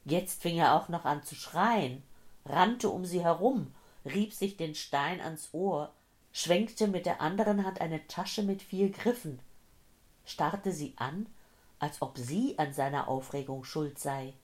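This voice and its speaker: A woman reading a tense thriller as an audiobook narrator, measured and steady. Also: sits low. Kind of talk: scripted narration.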